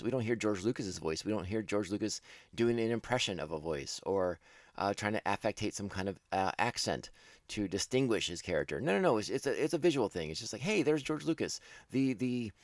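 Man, deep low voice, podcast host, casual rambling commentary, frequent restarts, enthusiastic, dry close sound. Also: no room sound. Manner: enthusiastic fan talk, laughs at himself.

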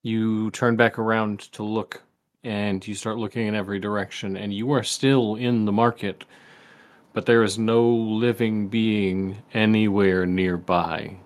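A man's voice: lowish voice, steady tone, measured pace. A man narrating a tabletop game as game master.

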